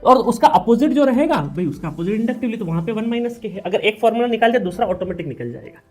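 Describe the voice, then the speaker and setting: A man's voice: high voice, very animated, fast talker, faint music behind. A man teaching an engineering exam question in a talkative way, mixing Hindi with English terms and checking in with frequent tag questions.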